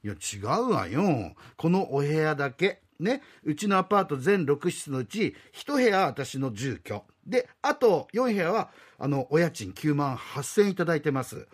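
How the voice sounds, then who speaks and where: A man's voice: on the high side, very animated, measured pace, few pauses, breathy edge, heavily acted. A male rakugo storyteller voicing a pushy, flirtatious landlady in her sixties, with a coquettish, chatty manner. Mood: coaxing. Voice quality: coquettish, chatty, sing-song.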